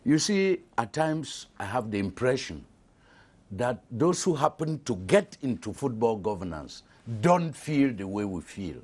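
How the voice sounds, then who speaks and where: A man from Cameroon, a panelist on a studio discussion show, explaining in an animated way with hesitations. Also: lowish voice, slightly rough.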